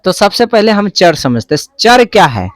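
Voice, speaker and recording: A man's voice: sits high, sing-song, moderate pace, no room sound, clean studio sound. A male teacher, giving a classroom math lesson and quizzing students with repeated questions. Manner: call-and-response questioning, repeats answers.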